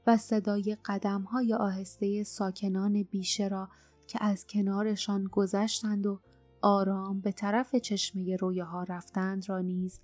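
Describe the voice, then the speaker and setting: A woman reads an audiobook in a calm, measured storytelling voice at a middling pitch. The sound is close and dry, with faint music underneath. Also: no room sound. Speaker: audiobook narrator. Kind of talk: scripted narration.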